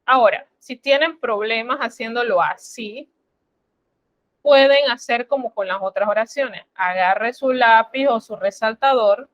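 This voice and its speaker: Teaching French online, this woman speaks at a fairly high pitch and walks through the material patiently, one step at a time. Her manner is slow and instructive, and she addresses the students formally. There's no echo.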